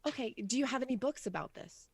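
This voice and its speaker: A woman plays her character at a tabletop game, earnest and casual with frequent giggles. Her voice sits a little high. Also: expressive, quick pace, slightly rough. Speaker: player. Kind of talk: in-character role-play.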